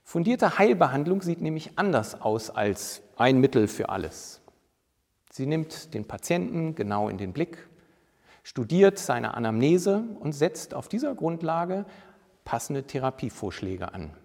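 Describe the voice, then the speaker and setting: A man giving a measured, deliberate sermon and reading scripture with emphasis. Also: on the high side, sing-song, gravelly, a little mellow, big-room sound. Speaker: preacher.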